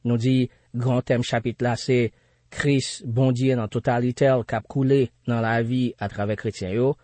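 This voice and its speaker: A man who is a pastor, teaching a radio Bible study and praying, deliberately repeating his key phrases for emphasis. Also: mid-range voice, flat delivery, a little mellow, no echo.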